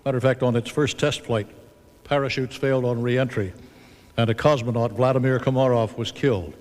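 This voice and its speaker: A man moderating a panel, narrating history to an audience with measured, dramatic emphasis. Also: mid-range voice, steady tone, darkish tone. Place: large auditorium at a symposium. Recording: long reverb of a big hall.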